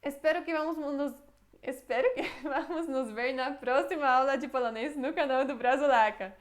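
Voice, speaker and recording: A woman's voice: sits high, normal speed. A woman teaching a language lesson to camera, patiently repeating examples and checking that viewers follow. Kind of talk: explaining a grammar lesson to camera.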